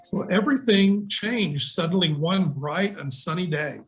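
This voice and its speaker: This middle-aged nurse, guest reading a picture book to small children over a video call, speaks in a high, expressive, fairly bright voice at a slightly slow pace. He pauses to ask them simple questions. Faint music sits behind him, and the call is noisy and clicky.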